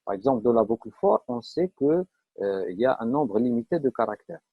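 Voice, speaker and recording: A man's voice: medium pitch, lively intonation, a little fast, husky, no room sound. A man teaching a live online programming class, explaining step by step with frequent fillers and checks that students follow. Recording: dull lo-fi online class audio.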